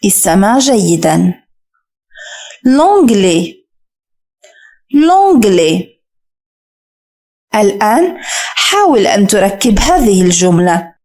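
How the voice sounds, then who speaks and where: A woman teaching a French lesson, speaking slowly and carefully and repeating each French word for the listener to copy. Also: mid-range voice, very animated, darkish tone. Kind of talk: scripted language lesson.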